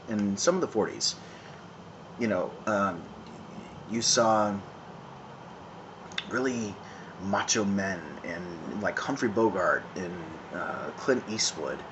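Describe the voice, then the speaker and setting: A vlogger in his thirties from San Francisco, California, talks casually into his phone camera outdoors in town one evening, smoking as he rambles through a monologue. His voice is on the low side, and his conversational delivery halts with many pauses, ums and restarts. The phone video picks up clear background noise.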